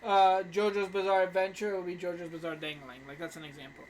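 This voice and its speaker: High-voiced playful young man. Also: flat delivery, fast talker, a little mellow, a little hiss or hum. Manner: laughs often, slangy and playful. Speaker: podcast co-host. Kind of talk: casual chat.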